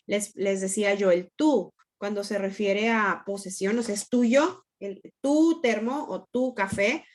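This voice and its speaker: A woman's voice: mid-range voice, measured pace. A woman teaching an online grammar lesson, explaining patiently and checking in with students often.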